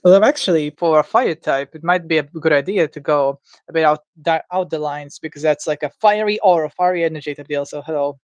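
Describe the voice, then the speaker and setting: A streamer from Latvia talks through a drawing live, thinking aloud. The voice sits in an ordinary middle pitch. The sound is dry and close, and the talk stays unsure and gently self-mocking. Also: fairly quick, few pauses, dry recording. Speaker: livestreamer. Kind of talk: casual commentary while drawing live.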